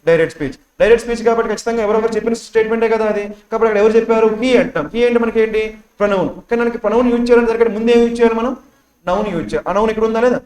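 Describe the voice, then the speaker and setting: A man's voice: high voice, very fast, a little mellow. A man with a Telugu accent teaching English for an exam, quizzing his class with constant questions and repeating key words. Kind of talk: classroom lecture explaining test questions. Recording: echoey classroom sound.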